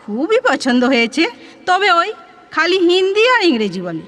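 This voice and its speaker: A woman's voice: high-pitched, big pitch swings, moderate pace, fairly bright tone, big-room sound. A woman playing a fussy old-fashioned Bengali mother. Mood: teasing. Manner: plaintive, teasing, fussy. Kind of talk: audio drama acting.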